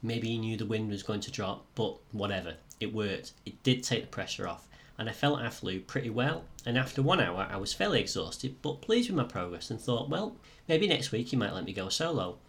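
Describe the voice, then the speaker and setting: A man with a slightly croaky, sore-throat voice, presenting a podcast as scripted first-person storytelling. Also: fairly low pitch, expressive, a little fast, fairly bright tone. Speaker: podcast host and student pilot.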